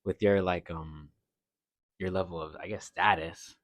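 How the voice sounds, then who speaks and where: A man's voice: low voice, steady tone, unhurried, no room sound. Young man, hesitant casual interviewer. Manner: hesitant, chatty, lots of fillers. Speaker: host, interviewer.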